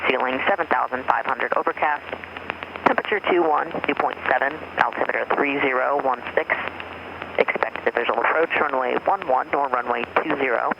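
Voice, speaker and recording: A man reading an airport weather broadcast in a clipped, even readout of weather figures, heard over the cockpit radio. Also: medium pitch, creaky. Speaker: recorded airport information broadcast. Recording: dull cockpit radio over loud engine noise.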